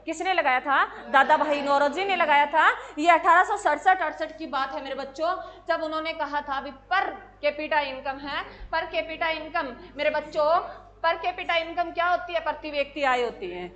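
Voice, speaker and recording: A woman's voice: high voice, moderate pace, fairly bright tone. A woman teacher giving an exam-prep lecture, asking questions and answering them herself, often calling her students "my children".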